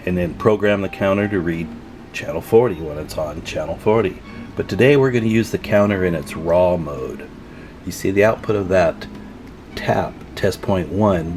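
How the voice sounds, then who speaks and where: A deep, darkish male voice talks through a hands-on radio repair tutorial while he works, in a casual, folksy, informal manner. There's slight background noise in the recording.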